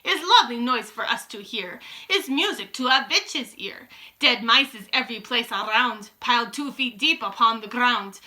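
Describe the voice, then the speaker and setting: A wicked old storybook witch acted out by a woman shouts in a high, piercingly sharp voice. She is imperious and gloating, turning broken-grammar commands into a triumphant sing-song chant. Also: animated, normal speed. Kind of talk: dramatic storybook read-aloud.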